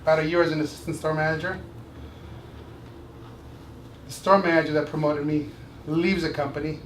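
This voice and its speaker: A man with a fairly high voice tells stories to a small live group, animated and quick to laugh. He repeats himself for emphasis as he goes. He sounds far from the mic in an echoey room with steady noise behind. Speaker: motivational speaker and former boxer. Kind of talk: storytelling talk to a small group. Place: indoor room with a live audience.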